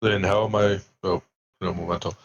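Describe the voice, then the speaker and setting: A man chatting casually between roleplay scenes, his voice run through a deep pitch-shifting voice changer. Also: fairly even intonation, moderate pace, dull audio. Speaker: tabletop roleplay player. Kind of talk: casual out-of-character chat.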